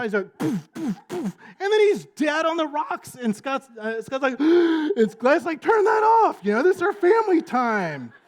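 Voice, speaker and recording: A man preaching a sermon, telling stories in an animated way with sound effects and little voices. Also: high voice. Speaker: pastor.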